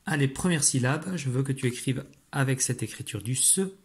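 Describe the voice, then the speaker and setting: A man's voice: mid-range voice, normal speed, breathy edge. A primary school teacher, a man, leading a patient spelling dictation lesson and talking directly to the pupil. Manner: patient, explains step by step, addresses the pupil directly.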